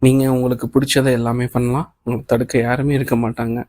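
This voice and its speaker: A man reading the lines of a kind male office boss in an audiobook of a novel, calm and reassuring, mixing in English phrases. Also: medium pitch, fast, close to an everyday voice.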